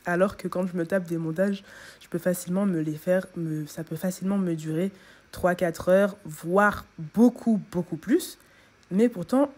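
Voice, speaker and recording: A young woman talks casually to her viewers as a vlogger, addressing them directly and chattily. Her voice is soft and mellow, with a slightly breathy, husky edge. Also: on the low side. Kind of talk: casual vlog chat. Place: at home.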